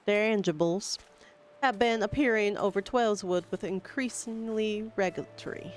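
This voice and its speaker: A woman reading game dialogue aloud, voicing a formal, dignified forest guardian with stately, old-fashioned phrasing and a measured delivery. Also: mid-range voice, natural voice. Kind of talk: reading video game dialogue in character voices.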